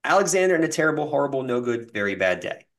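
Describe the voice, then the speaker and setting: A man's voice: mid-range voice, very animated, fast, fairly bright tone. A man hosting a casual podcast, reading listener comments aloud and reeling off long lists with laughs. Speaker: podcast host.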